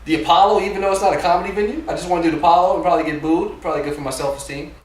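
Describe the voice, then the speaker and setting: A man's voice: fairly high pitch, racing. A man from New Jersey, a stand-up comedian, talking casually in an interview, chatty with lots of fillers and restarts. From New Jersey, USA. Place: theater. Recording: echoey, distant, noisy theater recording.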